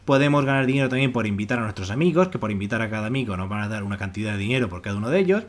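A man with a Spain Spanish accent talking viewers through money-making apps over a screen recording, repeating himself and filling pauses with "pues" and "o sea". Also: fairly low pitch, expressive. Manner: fast, repetitive, filler-heavy explaining. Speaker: online money-making video host. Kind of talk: screen-recorded app walkthrough.

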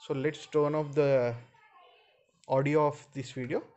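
Male video host, Indian accent, slightly high voice, informal instructional delivery that repeats points for viewers. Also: level tone, unhurried, darkish tone, dull audio, soft background music. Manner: instructional, repetitive, addressing viewers often. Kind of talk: informal screen-share tutorial.

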